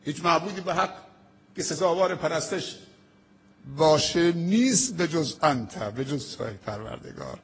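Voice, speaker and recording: A male preacher telling a religious story in an emphatic sermon, slowing down to quote prayers. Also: a little high, lively intonation, slightly rough. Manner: emphatic storytelling preaching with dramatic pauses, quoting prayers slowly.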